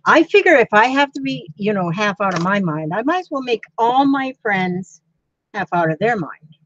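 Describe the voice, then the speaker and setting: An older woman chatting casually on a craft livestream, thanking viewers warmly and exclaiming often as she sews. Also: medium pitch, animated, normal speed, dull audio, a little hiss or hum. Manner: chatty, gushing thanks to viewers with frequent gasps. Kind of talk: casual live-stream chat while sewing.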